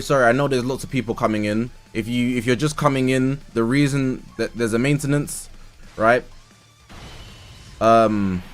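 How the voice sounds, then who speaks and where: A tired man streams live and chats casually with his viewers while reading game update notes aloud, stopping to react to them. His voice sits at a middle pitch, and faint music plays in the background. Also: a bit bright. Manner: chatty, reads patch notes aloud and reacts. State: tired, yawning. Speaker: livestreamer.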